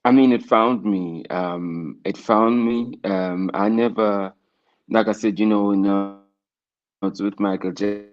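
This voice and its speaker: A man's voice: on the low side, fairly even intonation, a little slow. A South African man talking in a casual conversation, reflective, with many fillers and restarts. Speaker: interview guest, rapper. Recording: dull lo-fi sound.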